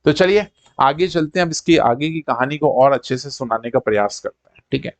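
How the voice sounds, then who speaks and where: Maths teacher man, hinglish mix, checks in often, dry voice w no room echo. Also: mid-range voice. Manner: drills numbers in quick call-and-response; coaxing, repeats "ठीक है" to check students follow. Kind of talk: live-streamed maths lesson.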